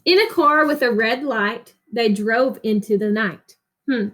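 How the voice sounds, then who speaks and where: A woman reads a picture book aloud the way a teacher would, full of expression, pausing so young listeners can answer and adding explanatory asides. Her voice is a little high with a fairly bright tone.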